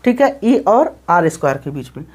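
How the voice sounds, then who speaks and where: A man teaches a physics lesson in a rather high voice. He talks straight to his students, asking a question and then answering it himself. He repeats key phrases and keeps checking that they follow. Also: very animated, normal speed. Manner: calls the students "children" and checks "okay?" often. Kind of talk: classroom lecture explaining graphs.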